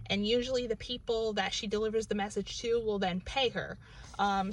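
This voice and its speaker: A woman's voice: medium pitch, fairly bright tone, slight background noise, rough recording. A woman from New England with a local accent, casually reviewing a book from inside her car, rambling with lots of fillers. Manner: rambling, filler-heavy, many "like" and "um". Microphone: camera in the car.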